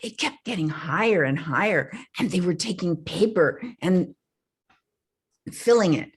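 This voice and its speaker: An older woman storyteller performing a folktale with dramatic, hushed whispers and slow emphasis. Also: a little high, slightly rough. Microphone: stage mic.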